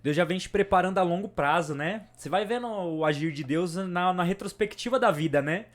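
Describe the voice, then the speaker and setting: A man with a Brazilian accent, co-hosting a podcast and asking questions in a measured, affirming way. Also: high-pitched. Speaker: podcast co-host. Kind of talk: casual podcast chat.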